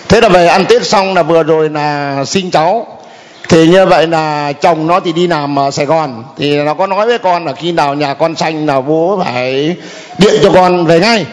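An older man telling a halting, hesitant personal testimony to a priest at a church gathering. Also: on the high side. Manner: hesitant, halting with many fillers. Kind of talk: spoken testimony. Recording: long hall reverb.

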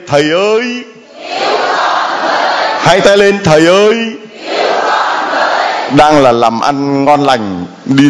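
A man's voice: on the high side, a little hiss or hum. A man preaching a sermon as a priest, telling the story dramatically and animatedly, with sound effects.

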